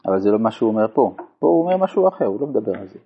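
Husky-voiced rabbi teaching a text. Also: male voice, fairly low pitch, big pitch swings. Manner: reads a passage aloud, then explains it phrase by phrase. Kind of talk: Torah lesson to a live group. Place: community study hall. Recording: dull lo-fi recording.

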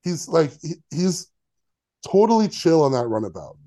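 Male podcast co-host, mellow low tone, sarcastic, opinionated riffing. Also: very animated, normal speed. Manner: sarcastic, opinionated, lots of fillers. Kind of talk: casual chat.

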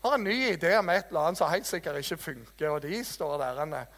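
A man preaching a sermon in a church hall, telling stories in a lively, self-mocking way. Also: fairly high pitch. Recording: reverberant hall.

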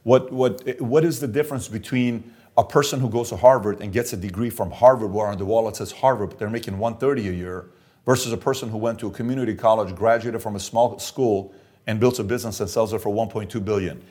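Fast and a little mellow, his voice runs lowish. He's a middle-aged Iranian entrepreneur giving an animated business interview, emphatically reasoning through figures aloud and repeatedly adding "okay?".

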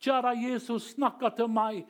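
A man imitating a lonely refugee man who speaks in halting, broken sentences, slow and pleading. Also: very high voice, level tone.

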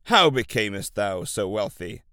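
A man voicing a loud, regal ancient king. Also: fairly low pitch, sing-song, a little slow, dry recording, clean studio sound, voice pushed down, exaggerated voice. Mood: eager. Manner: demanding, regal. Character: commanding ancient male king.

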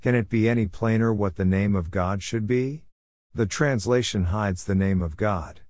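A man's voice: fairly low pitch, a little mellow, dry recording, clean studio sound. Earnest man reading a Bible lesson. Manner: measured, earnest reading with scripture quotes. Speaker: Bible teacher. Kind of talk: scripted Torah portion teaching.

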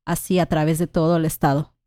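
A woman's voice: low-pitched, level tone, quick pace, warm tone, no echo, studio quality. A woman hosting a casual chat, asking curious follow-up questions.

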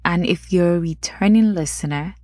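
Nigerian lady podcast host, low voice, chatty, talks right at you, dry close mic. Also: normal speed, a little mellow, no echo. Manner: chatty, addresses listeners directly. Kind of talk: casual podcast talk.

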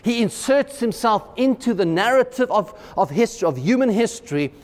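A man preaching a sermon as pastor, emphatic and excitable, driving home repeated refrains. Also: high voice, normal speed. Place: church sanctuary. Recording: long hall reverb.

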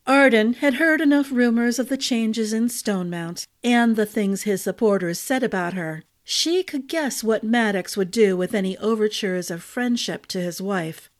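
A woman reading a fantasy novel aloud as a podcast storyteller, with a gentle, measured delivery. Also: on the high side. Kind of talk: audiobook-style fantasy narration.

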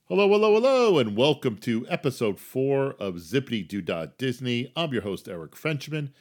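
A middle-aged man with a New Jersey accent hosting a casual solo podcast, chatty and self-deprecating, swinging between loud emphasis and quiet asides. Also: mid-range voice, animated, moderate pace. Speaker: podcast host.

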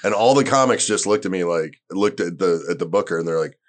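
A man's voice: sits low, animated, quick pace. A man in his forties, a stand-up comedian, chatting loosely and rambling with casual swearing. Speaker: stand-up comedian, podcast guest. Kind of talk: casual chat.

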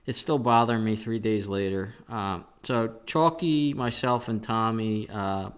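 A man's voice: lowish voice, unhurried, clear, resonant tone. A man hosting a sports betting podcast, talking casually and venting with sarcasm as he runs through picks and stats. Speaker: podcast host.

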